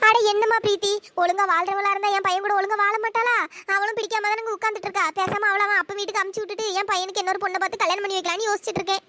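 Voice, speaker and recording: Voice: extremely high pitch, flat delivery, rapid-fire, bright, forceful tone, slight background noise. A performer voicing a worried older mother-in-law in a cartoon story, lamenting in a sighing way.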